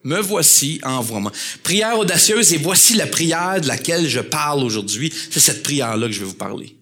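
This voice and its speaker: A man with a Québécois accent preaching a sermon, animated and repeating words for emphasis. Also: a little high, fairly quick. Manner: animated preaching with acted quotes and emphatic repetition. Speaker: pastor.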